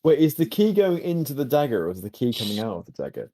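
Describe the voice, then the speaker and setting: A man's voice: mid-range voice, very animated, fast, dark tone. A man playing a tabletop game, asking questions in casual chat.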